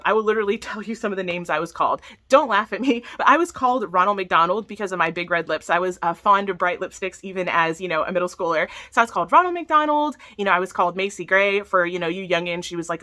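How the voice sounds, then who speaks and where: A woman in her thirties with a bright, clear voice, talking straight to her viewers. She tells her own stories casually, leaning on "you know" and "like" and laughing now and then. Her pitch sits in the middle for a woman. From Texas. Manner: conversational, many "you know" and "like", frequent laughs. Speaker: vlogger. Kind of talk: personal storytelling to camera.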